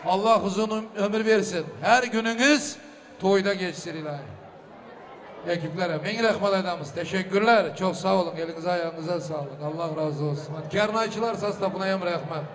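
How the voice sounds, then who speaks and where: High-pitched booming male wedding announcer. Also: normal speed. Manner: ceremonious, calling out blessings and requests for applause. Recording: live hall with crowd noise. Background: crowd and ambient noise.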